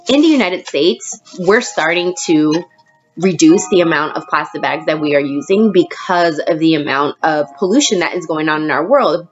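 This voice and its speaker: Speaking straight to her young students, a woman teacher explains words and poses questions as she reads a story aloud. Her voice is fairly low, and the recording has a lo-fi quality.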